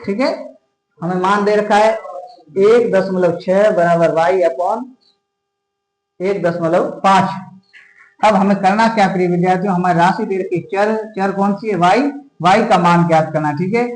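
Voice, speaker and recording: A man's voice: high-pitched, fairly even intonation, unhurried, pauses often. A man with a Rajasthani Hindi accent teaching a school math lesson, speaking directly to his students and often checking whether they have any doubts. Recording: echoey room.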